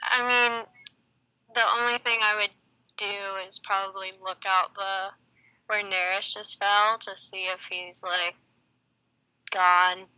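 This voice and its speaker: Bright, dry-sounding woman player. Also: mid-range voice, little pitch movement, takes it slowly, pauses often, clean tone, no room sound, low-quality recording. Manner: hesitant, casual. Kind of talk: casual tabletop play.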